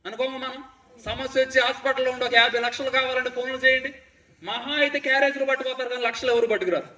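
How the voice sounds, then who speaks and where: High-voiced preacher man, echoey hall. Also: fairly even intonation, fast talker, bright, forceful tone, recorded from a distance. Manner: fires rhetorical questions at the congregation, call-and-response. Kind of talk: revival sermon. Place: revival gospel meeting.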